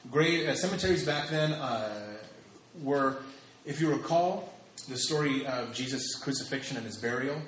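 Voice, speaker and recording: A man's voice: medium pitch, fairly bright tone, slight background noise. A man in his thirties preaching a sermon, emphatic and repeating phrases for stress. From United States. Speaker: pastor. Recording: echoey hall with faint ambience.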